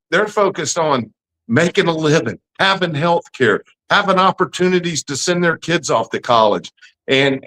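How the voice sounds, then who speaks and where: A man in his fifties speaks with an Alabama drawl in a slightly high-pitched voice. He is folksy and plain-spoken, repeating himself for emphasis as he answers questions like a candidate. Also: pushed and bright, low-quality recording. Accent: Alabama Southern. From Alabama, United States. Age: 50s. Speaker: political candidate being interviewed. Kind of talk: conversational interview answers.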